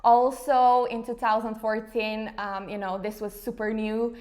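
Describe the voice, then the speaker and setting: A woman's voice: on the high side, little pitch movement, a little slow, a little mellow. A woman in her thirties from Slovenia, an English speaker, chatting casually in an interview with frequent fillers like "you know". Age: 30s. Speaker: interview guest, face yoga founder.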